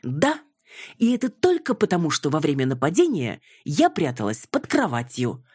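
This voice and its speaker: A woman reading an audiobook, voicing a flustered, theatrical older mother who is an actress, in a high, dramatic and indignant manner. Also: sing-song, a little slow, a little mellow, slightly rough, dry recording, clean studio sound, heavily acted.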